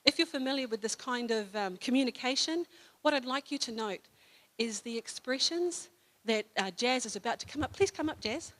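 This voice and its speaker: A woman's voice: fairly high pitch, lively intonation, normal speed, hardly any pauses, fairly bright tone. Chatty New Zealand woman giving a sermon. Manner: storytelling, chatty with fillers and self-corrections. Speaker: church speaker. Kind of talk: informal sermon talk. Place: church hall.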